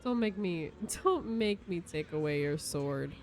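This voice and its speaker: A woman's voice: lowish voice, lively intonation, a little slow, darkish tone, slight background noise. A young woman, chatting casually and giggling with viewers on a live stream.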